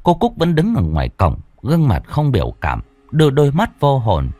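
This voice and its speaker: A man's voice: medium pitch, wildly swooping pitch, moderate pace, dark tone, no room sound. Dramatic male ghost-story narrator, wide-ranging. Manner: suspenseful, vivid storytelling cadence.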